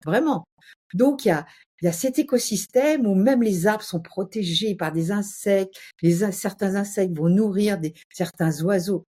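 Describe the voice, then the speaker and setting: A woman's voice: medium pitch, warm tone, breathy edge. A woman speaking as a guest, explaining passionately in a casual, emphatic way with vivid exaggeration.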